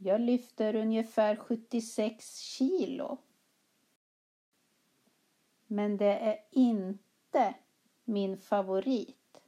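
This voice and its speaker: Mellow-voiced woman teaching Swedish pronunciation. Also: medium pitch. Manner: carefully articulated, reads both parts of a dialogue. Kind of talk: slow, clear language-lesson dialogue reading.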